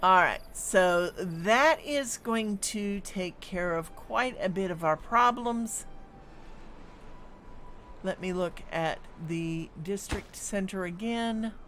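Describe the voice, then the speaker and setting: A woman's voice: medium pitch, takes it slowly, fairly bright tone, slight background noise. A woman streaming a city-building game, thinking aloud as she plays, with plenty of hums and ums. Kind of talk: live gameplay commentary.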